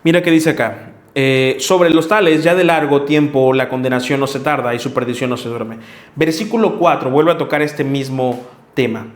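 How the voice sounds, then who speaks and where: A man's voice: mid-range voice, normal speed. A man preaching a sermon, reading Bible verses and earnestly scolding his listeners. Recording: echoey room.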